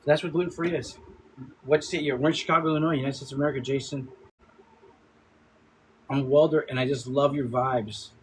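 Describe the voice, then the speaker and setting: A food creator in his fifties streams live from home in Chicago on a phone, his mid-range voice steady and a little fast, with long pauses. He chats casually, rambling, repeating himself and swearing at comments, on a rough recording with a little hiss or hum.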